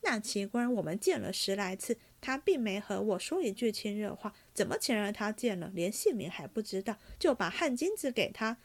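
A woman voicing a rash, hot-headed young nobleman who shouts in fast, angry bursts. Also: mid-range voice, big pitch swings. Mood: ranting.

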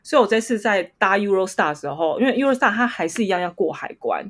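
A young woman with a Taiwanese Mandarin accent, co-hosting a podcast and telling a travel story in casual, animated chat. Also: mid-range voice, fast talker. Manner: animated, laughs often while telling stories. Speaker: podcast co-host.

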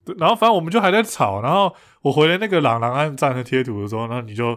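A man's voice: mid-range voice, lively intonation, rapid-fire, a bit bright. A man co-hosting a podcast, casually retelling an argument with frequent laughs and restarts. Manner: laughs often, retells a fight with many restarts. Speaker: podcast co-host. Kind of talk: casual chat.

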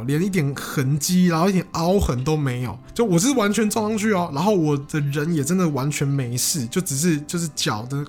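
A man's voice: on the high side, darkish tone. Earnest, stammering young man. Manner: earnest, stammering, repeats words. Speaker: vlogger. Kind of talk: personal storytelling.

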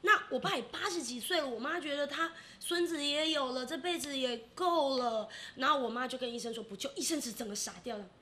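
Fast, bright Taiwanese Mandarin woman storyteller. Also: sits high. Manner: animated, acts out family members' voices. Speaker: podcast co-host. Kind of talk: casual podcast storytelling.

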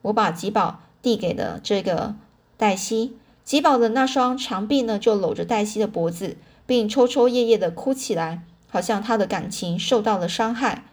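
A woman reading a children's novel aloud in a chatty way, pausing to explain words and correcting herself. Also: medium pitch. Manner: pauses to explain words to listeners; chatty fillers, self-corrections. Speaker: storyteller.

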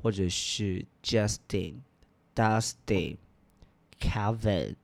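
A man's voice: lowish voice, drawn-out words, vocal fry, no room sound. A man with a Taiwanese Mandarin accent, co-hosting a casual podcast chat, playful and sprinkling English words into his speech. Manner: playful, mixes in English words, leads the topic. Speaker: podcast co-host.

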